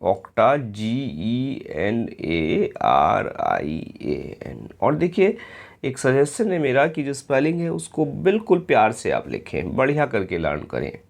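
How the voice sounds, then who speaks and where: A man's voice: mid-range voice, wildly swooping pitch. A man with an Indian accent teaching an exam-prep English lesson, patiently spelling out words letter by letter and checking that his students follow along. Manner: slow and patient, often checks in with "clear friends?".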